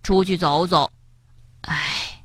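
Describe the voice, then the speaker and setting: A woman voicing a gentle young male frog in a storybook, speaking softly with sighs. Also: on the low side, fairly even intonation, takes it slowly, breathy edge, no room sound, pitched below the performer's own voice, full character voice. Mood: sad. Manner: soft and sighing.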